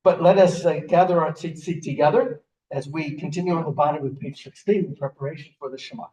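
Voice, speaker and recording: A man's voice: on the high side, quick pace. Man leading a service from afar. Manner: gentle, explanatory, with frequent fillers. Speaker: service leader. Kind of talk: explaining and leading a prayer service. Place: synagogue sanctuary. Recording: roomy, distant, slightly dull sound.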